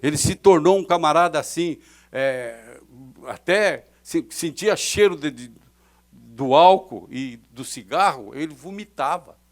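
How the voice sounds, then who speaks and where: A middle-aged man with a Brazilian accent, a pastor preaching a fervent sermon in church, swelling loud and dropping soft. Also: on the high side, expressive, unhurried. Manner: fervent preaching with sudden swells and drops in loudness.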